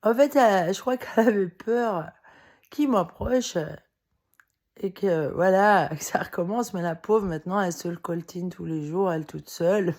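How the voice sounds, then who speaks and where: A woman's voice: medium pitch, moderate pace, darkish tone. A very tired woman talking in a casual monologue, rambling and heated, full of fillers, swearing and short laughs. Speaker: vlogger. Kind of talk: casual spoken monologue to camera.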